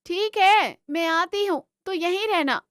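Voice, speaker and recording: A worried, loving cartoon mother, as a narrator puts her on, her voice raised high and anxious. The sound is dry and close. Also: expressive, measured pace, a bit bright, no room sound, full character voice.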